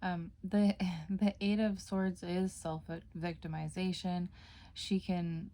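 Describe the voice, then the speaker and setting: A woman's voice: on the low side, level tone, slow pace, warm tone. A woman giving a casual tarot reading, chatty, with frequent fillers and self-corrections. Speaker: tarot reader.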